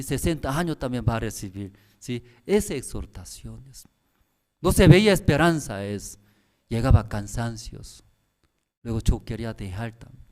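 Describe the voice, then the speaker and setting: A man preaching a sermon at a prayer service in halting, broken phrasing, repeating himself and pressing the congregation with rhetorical questions. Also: medium pitch, warm tone. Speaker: pastor.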